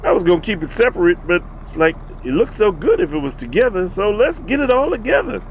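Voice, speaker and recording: A man's voice: high voice, very animated, fast talker. Home cook, male, chatty and goofy, voice swinging up and down, slight hiss behind. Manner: playful, rambling, talks to the food. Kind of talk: casual cooking narration.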